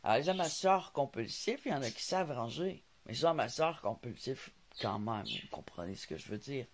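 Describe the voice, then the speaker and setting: Chatty Québécois man, lively pitch. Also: a little fast, noisy background. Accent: Québécois French. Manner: rambling, laughs often, stumbles on some words. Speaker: vlogger. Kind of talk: casual storytelling vlog.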